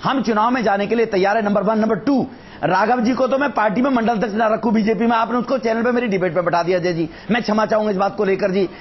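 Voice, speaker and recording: A man's voice: high voice, fast, breathy edge. A man speaking as a party general secretary on a heated TV debate panel, combative and interrupting, repeating his points. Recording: dull lo-fi broadcast audio.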